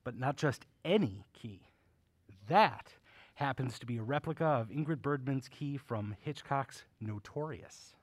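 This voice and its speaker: Fond and confiding, this male actor portrays a courtly, whimsical shopkeeping uncle in an audio drama, all geniality, theatre and old-world manners. His medium-pitched voice is animated but paced in a measured way, with no echo in the recording.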